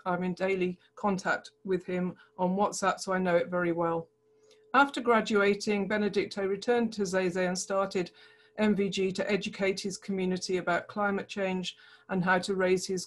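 A woman presenting a prepared project pitch on behalf of a partner group, in a steady delivery.

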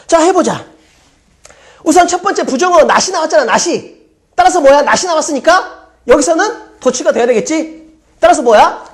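A woman lectures on grammar with a high voice that swings up and down a lot. She explains each example step by step, keeps asking rhetorical questions, and drops in chatty side remarks. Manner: casual, chatty asides. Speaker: English teacher.

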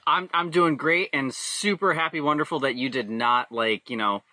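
As a podcast guest, a hobby camper builder tells personal stories casually, rambling a bit, halting and correcting himself. His voice is on the high side, bright and forceful, captured in a dry recording.

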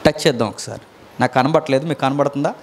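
A middle-aged male preacher delivering a sermon, dramatic, swinging from loud emphatic lines to low quiet ones and often asking the listeners questions. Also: quick pace, slight background noise.

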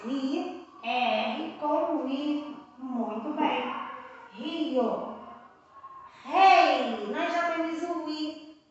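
A Brazilian woman teaching first graders, spelling out syllables slowly and patiently with prompting questions. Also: high-pitched, heavy reverb, recorded from a distance, highs cut off, a little hiss or hum. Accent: Brazilian Portuguese. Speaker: primary school teacher. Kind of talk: slow, clear classroom instruction for young children.

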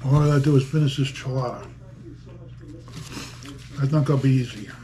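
A man's voice: mid-range voice, a little fast, warm tone, slight background noise. A man vlogging an eating challenge at home, chatting and joking between mouthfuls. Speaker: beer review vlogger. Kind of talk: casual eating challenge vlog.

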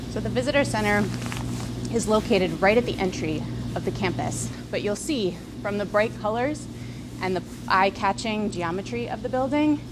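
A woman's voice: medium pitch, expressive, moderate pace. A woman guiding a walking tour, explaining as she moves. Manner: friendly explanatory walking talk. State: slightly out of breath. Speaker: tour guide. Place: outdoors on a city street and inside a visitor center. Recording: noisy street ambience with traffic.

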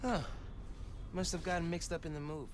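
An actor playing an earnest, awkward teenage boy superhero in a video game, casual and youthful, in quiet game audio. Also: on the high side, fairly even intonation, normal speed, crowd noise, natural voice. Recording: quiet game audio, faint ambient noise.

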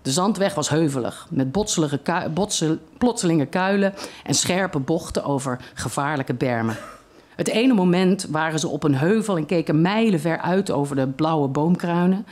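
Measured reader of a short story. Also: mid-range voice, darkish tone. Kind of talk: reading a short story aloud at a literary evening.

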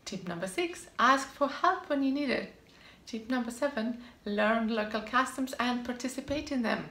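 A vlog host talks to camera with scripted advice about life abroad, her slightly high voice sharp in tone and at normal speed. Upbeat and emphatic, she repeats short punchy answers. Faint ambience fills the echoey room.

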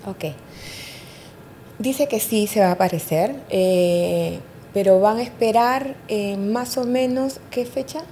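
A woman psychic giving readings in an interview, hesitant and often pausing with fillers and checking she is understood. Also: mid-range voice, dark tone, a little hiss or hum. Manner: hesitant, fills pauses with "eh" and "¿me entiendes?". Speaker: astrologer and psychic.

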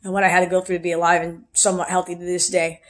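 Quick, rambling woman in her forties, new dentures, fingers at mouth; frank video-diary chatter. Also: fairly low pitch, flat delivery. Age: 40s. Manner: frank, rambling, self-deprecating. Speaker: vlogger.

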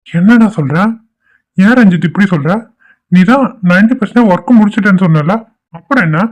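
A man voicing a supportive young colleague in a cartoon who calms his friend down. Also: high-pitched, fairly quick. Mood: reassuring. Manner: calming, supportive. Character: reassuring young office colleague. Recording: dull lo-fi cartoon audio.

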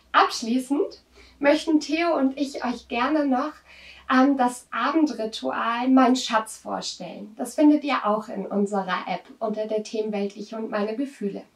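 A woman hosting a children's show, gently and encouragingly explaining crafts and rituals directly to children. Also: on the high side. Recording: roomy, distant microphone.

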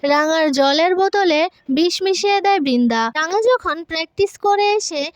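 Female recap narrator, high voice, dry close mic, steady telling. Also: moderate pace, no room sound. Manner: steady storytelling recap, voicing every character herself. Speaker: serial synopsis narrator. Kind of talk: reading a TV serial recap.

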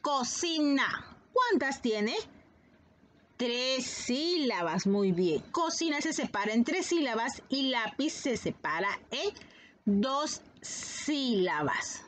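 A woman teaching a reading lesson to young children, sounding out each syllable slowly and encouraging them warmly. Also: sits high, very animated.

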